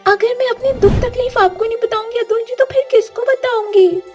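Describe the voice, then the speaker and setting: A woman's voice: very high-pitched, fairly quick, soft background music. A woman voicing a meek young daughter-in-law in a cartoon story, who speaks politely and pleads. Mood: pleading.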